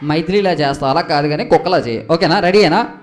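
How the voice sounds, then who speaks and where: A young man with a high voice leads a comic stage skit. He fires questions at his partner with lively exasperation and turns to the live audience now and then. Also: fast talker. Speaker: skit host and straight man.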